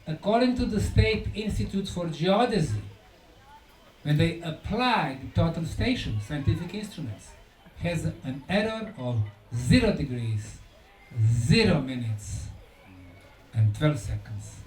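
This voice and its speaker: Faint music plays behind a high-pitched, animated man lecturing at a conference hall. He's deliberate and emphatic, driving points home by repeating key words. The recording has an echoey room sound, a distant mic and faint noise.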